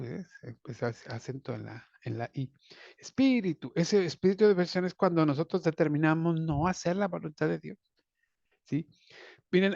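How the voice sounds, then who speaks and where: Man, pastor, sermon, gravelly voice, dry close sound. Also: on the high side, a little mellow, dry recording, highs cut off. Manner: addresses listeners as brothers, asks rhetorical questions. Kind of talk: sermon on a Bible lesson.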